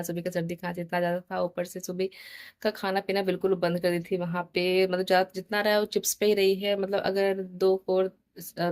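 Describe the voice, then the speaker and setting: Young woman doing a chatty family vlog, pretty even flat tone. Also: fairly low pitch. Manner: chatty, mixes English into Hindi. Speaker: vlogger.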